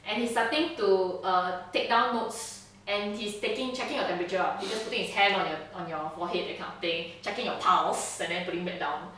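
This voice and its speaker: A woman's voice: medium pitch, brisk, hardly any pauses, fairly bright tone, a little hiss or hum. Woman running a tabletop game. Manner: casual, chatty, frequent laughs and "okay?" checks. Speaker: game master. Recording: roomy echo, distant mic.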